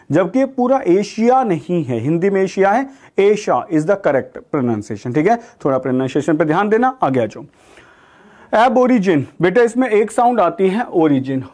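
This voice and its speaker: A young adult Indian man with an Indian accent who teaches exam vocabulary online and talks to students in a friendly, coaching way, reading English definitions slowly and carefully. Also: sits high, a little mellow.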